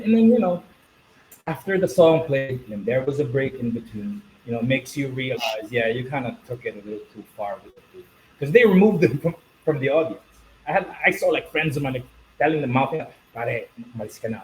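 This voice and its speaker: A man's voice: medium pitch, expressive, fairly quick, darkish tone, slight background noise, low-quality recording. A man who fronts a metal band, talking bluntly and cursing freely as a podcast guest. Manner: blunt, profane, storytelling. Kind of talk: casual podcast chat.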